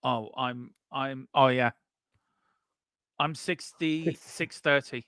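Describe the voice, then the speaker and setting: Male streamer, loose rambling chat, dry close sound, mid pitch. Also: steady tone, takes it slowly, bright, forceful tone, smooth, dry recording. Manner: rambling, full of fillers and restarts. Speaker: stream co-host. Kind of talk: casual live watchalong chat.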